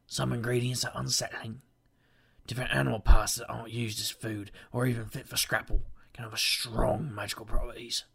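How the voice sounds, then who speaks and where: A man playing a wisecracking, weary detective, delivering a wry, self-deprecating noir monologue in a gravelly, husky voice. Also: fairly low pitch, a bit bright, full character voice. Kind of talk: noir first-person monologue.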